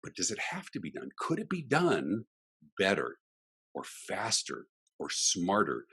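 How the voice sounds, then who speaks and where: A middle-aged man speaks as a guest on a podcast, ranting emphatically about how things should be done. His voice sits low and a little husky. His pitch swings widely as he drives each point home. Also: wildly swooping pitch, unhurried, pushed and bright. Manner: emphatic and ranting, with vivid examples. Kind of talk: animated interview talk.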